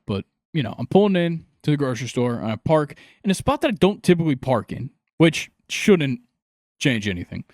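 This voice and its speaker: A podcast host telling a rambling, animated story in casual chat, with many fillers and restarts. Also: male voice, medium pitch, no room sound, studio quality.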